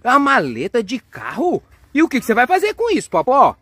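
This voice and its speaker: A young father, filming his kids at play outdoors and narrating in an excitable, coaxing way. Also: very high voice, quick pace, breathy edge, no room sound. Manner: excitable, coaxing, cheers and exclaims often. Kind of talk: playful family vlog narration. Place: outdoors on a street and yard.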